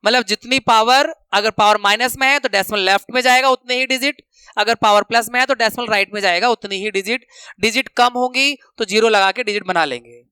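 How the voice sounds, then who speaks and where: High, bright-voiced maths teacher. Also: male voice, fairly quick, clear, resonant tone, no room sound. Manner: counts steps aloud, repeats rules to remember. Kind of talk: classroom lesson explanation.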